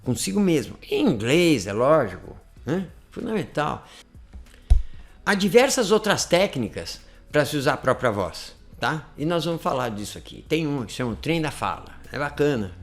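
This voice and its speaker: A man's voice: fairly high pitch, sing-song, moderate pace, faint music behind. A man giving a casual, chatty language lesson, repeating phrases to demonstrate. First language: Portuguese. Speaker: language teacher.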